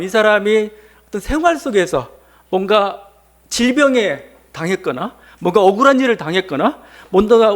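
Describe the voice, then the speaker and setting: Lively high-voiced male pastor preaching. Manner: conversational preaching with rhetorical questions. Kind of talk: sermon.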